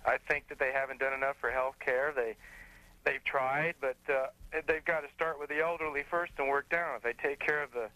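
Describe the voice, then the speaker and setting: A man from Arizona calling in to a talk show over the phone, earnest and halting, with many fillers. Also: mid-range voice, fairly even intonation, bright, forceful tone, no room sound. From Arizona, USA. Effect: heard over a phone line. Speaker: caller. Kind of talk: casual call-in chat.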